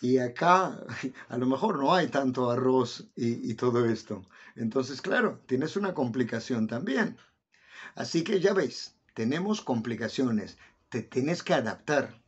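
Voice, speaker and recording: A man's voice: medium pitch, lively intonation, unhurried, slightly rough. A middle-aged man talking casually to viewers, asking them questions directly. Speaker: vlogger explaining life in the country. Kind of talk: casual explanatory talk to viewers. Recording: dull lo-fi recording.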